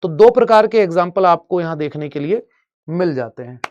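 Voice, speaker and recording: High-voiced Hindi grammar teacher. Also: male voice, expressive, a little fast, darkish tone, lo-fi sound, slight background noise. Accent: Bihari Hindi. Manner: explains step by step, asks students rhetorical questions. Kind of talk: exam-prep grammar lesson.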